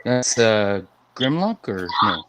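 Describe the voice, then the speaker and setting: A man's voice: fairly low pitch, sing-song, takes it slowly. A man in a casual group chat, laid-back and asking curious questions. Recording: noisy stream audio.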